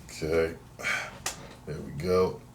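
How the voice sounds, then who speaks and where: This man hosts a casual unboxing video, speaking slowly and steadily in an extremely low, darkish voice while chatting playfully with slang and exclamations. He sits far from the mic, so the sound is roomy with faint noise.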